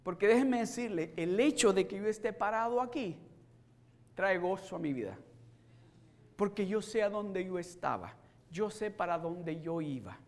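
A middle-aged male preacher telling a personal testimony in a sermon, moving from soft storytelling to shouted exhortation and mixing Spanish with English. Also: high voice, animated, normal speed. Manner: switches between Spanish and English.

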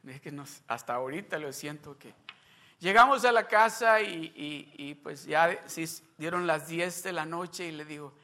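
A man's voice: on the high side, normal speed, sharp tone. A man preaching a sermon, telling a personal story in a conversational way and acting out remembered dialogue. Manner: conversational, with restarts and asides to the congregation. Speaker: pastor.

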